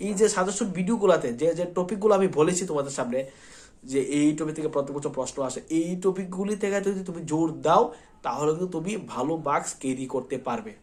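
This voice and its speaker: Guy teaching exam prep, talks fast, keeps asking "okay?", kinda high voice. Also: expressive, a little mellow. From Tripura, India. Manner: repetitive, reassuring, checks in often with "thik ache". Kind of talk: spoken exam-prep lesson.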